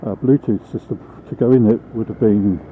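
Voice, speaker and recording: A man's voice: fairly low pitch, fairly even intonation, a little fast. A British man chatting casually as he rides a motorbike, vlogging from inside his helmet. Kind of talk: casual vlog monologue while riding. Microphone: small microphone mounted inside the helmet. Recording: phone-like helmet microphone, clear vehicle noise. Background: vehicle and road noise.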